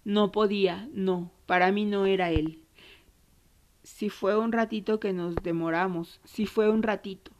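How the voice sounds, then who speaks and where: A woman with an Argentine accent voicing a grown daughter remembering her brother's death in a quiet, low voice. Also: fairly even intonation, unhurried, slight background noise, lightly acted. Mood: stunned.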